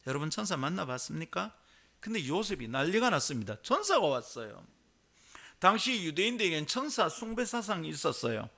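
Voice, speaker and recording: A man's voice: a little high, very animated, a little fast, creaky, pushed and bright. A male pastor with a Gyeongsang accent preaching a sermon in a church and having the congregation repeat his phrases. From Korea. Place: church sanctuary.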